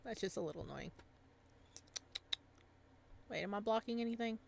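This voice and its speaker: A live streamer chats casually and gigglingly with her viewers while playing a visual novel and reading it aloud playfully. Her voice is a little high, gravelly and slightly mellow, at a moderate pace, with some faint background noise.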